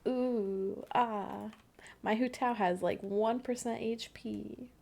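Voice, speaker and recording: A woman with a slightly high, steady voice streams a game and chats giggly and bubbly with her co-op partner. She speaks slowly, with a creaky, slightly mellow quality.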